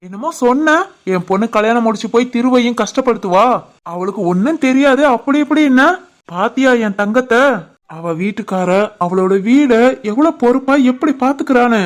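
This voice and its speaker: A woman voicing a doting middle-aged husband and father in an animated family story, with a southern Tamil Nadu accent and a playful, flirting manner. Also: fairly high pitch, fairly quick, close to an everyday voice. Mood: proud.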